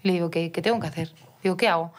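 Young woman recounting her story, low-pitched. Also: rapid-fire. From Mallorca, Spain. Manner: storytelling with many restarts and quoted dialogue. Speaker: guest, professional footballer. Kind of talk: casual interview chat.

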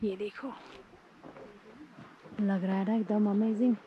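Walking a sunny volcano trail with her camera held at arm's length, a woman in her thirties narrates her travel vlog, chatty and excitable as she points out sights. She speaks slowly at medium pitch, and the outdoor phone recording sounds dull with wind noise.

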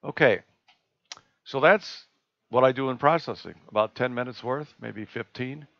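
Gravelly man demoing software on a call. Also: medium pitch, dry recording. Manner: relaxed, halting, many fillers and restarts. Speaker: astronomy club presenter. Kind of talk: live screen-share tutorial. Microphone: computer mic on a video call. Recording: dull lo-fi video call audio.

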